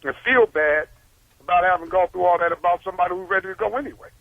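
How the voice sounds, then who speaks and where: A man's voice: high voice, fast talker, creaky, dry recording. A man calling in to a radio show, speaking casually and bluntly. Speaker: caller. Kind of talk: radio call-in chat. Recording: muffled phone line.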